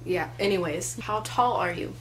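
A woman in her twenties, fairly low-pitched and moderately paced, co-hosts a casual chat into a webcam at desk distance in a small room. She fills her speech with lots of "like" and "um," and the low-quality recording carries a little hiss or hum.

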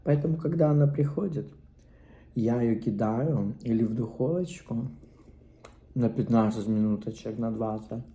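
A man's voice: medium pitch, moderate pace, warm tone. A man chatting casually and playfully to viewers during a mukbang, chewing while he talks. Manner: playful, joking, addresses viewers directly. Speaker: mukbang vlogger.

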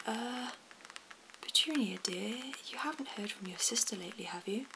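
A woman's voice: fairly high pitch, normal speed, creaky. Woman whispering as a fidgety middle-aged husband, hesitant, mumbled, hissy clicky recording. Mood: nervous.

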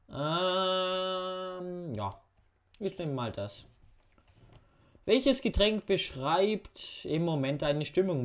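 A young man reading quiz questions aloud and muttering wry answers in a casual home video commentary. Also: fairly high pitch. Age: young adult. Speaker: YouTuber. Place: bedroom at home. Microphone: webcam facecam.

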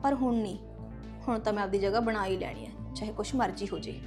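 A woman playing a scheming, fast-talking young woman. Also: mid-range voice, over music, close to an everyday voice. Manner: urgent, conniving. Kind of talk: amateur web-drama acting.

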